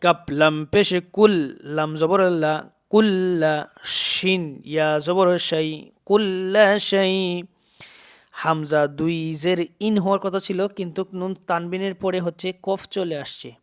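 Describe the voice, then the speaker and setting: A man teaches Quran reading in a smooth, resonant, fairly high voice. He spells out syllables, draws the verses out in slow chant, then explains the rules quickly. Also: steady tone.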